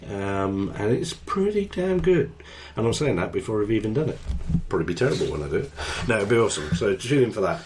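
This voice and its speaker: A man's voice: lowish voice, a little mellow, slight background noise. A man hosting a radio show, chatting casually and joking at his own expense. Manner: chatty, self-deprecating. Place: radio studio.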